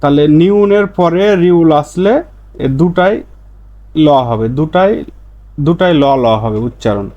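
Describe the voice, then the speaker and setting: A man teaching a language lesson, patiently repeating words slowly for learners. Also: high-pitched, very animated, dull audio.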